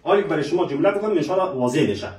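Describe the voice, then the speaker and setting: A man teaching a French lesson. He asks rhetorical questions, answers them himself, and says example phrases slowly. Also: a little high, sing-song, darkish tone. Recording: echoey room, mic at a distance.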